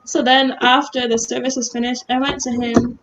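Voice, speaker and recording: A woman co-hosts a youth talk show from a video call. Her voice sits high. She tells stories in a chatty, laughing way. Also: little pitch movement, normal speed, a bit bright, slight background noise, rough recording. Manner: chatty storytelling with frequent laughs. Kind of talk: casual panel chat.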